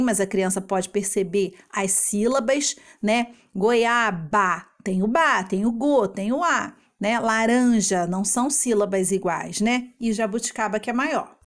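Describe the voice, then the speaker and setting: A woman teacher with a Brazilian Portuguese accent talks young children through their homework. Her voice sits slightly high, and she speaks patiently and slowly, breaking words into syllables. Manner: patient, slow, sounds out syllables.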